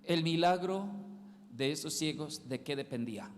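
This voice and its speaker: A man preaching a sermon as pastor, emphatic, rising loud and dropping soft as he repeats key words. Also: a little high, animated, moderate pace, long reverb tail, soft background music. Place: church hall.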